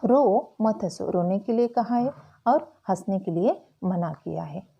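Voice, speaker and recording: A woman teacher explaining a Hindi grammar lesson slowly and carefully to school students. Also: medium pitch, expressive, creaky, muffled recording. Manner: slow, careful explaining with frequent "tो चलो".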